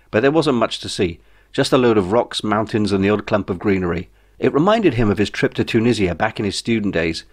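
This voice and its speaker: Reading his own comic science fiction novel, a male author narrates in a fairly low voice. He keeps the delivery wry and dry.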